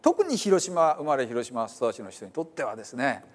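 Animated male pastor explaining scripture. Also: medium pitch, moderate pace. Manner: conversational, explanatory, many fillers. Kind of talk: sermon. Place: church.

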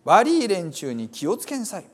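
Fervent zealous apostle, man reading, Hiroshima dialect, emphatic, lively swings in pitch. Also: moderate pace, slightly rough, full character voice. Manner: earnest and emphatic, reading scripture aloud. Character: the apostle Paul, zealous male preacher, fervent.

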